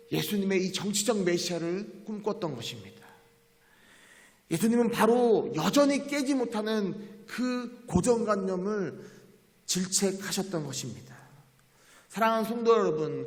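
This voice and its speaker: High-voiced male pastor preaching in a reverberant church. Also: a little mellow. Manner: earnest preaching with rhetorical questions to the congregation. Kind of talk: sermon. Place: church sanctuary. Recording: long reverb of a church hall.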